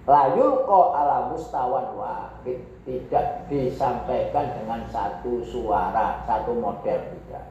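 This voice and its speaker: Slow man, echoey classroom. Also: mid-range voice, warm tone, slight background noise. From Indonesia. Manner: reads Arabic text aloud then explains it, with repeated examples. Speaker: Arabic teacher. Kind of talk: classroom lecture. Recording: echoey, dull classroom recording.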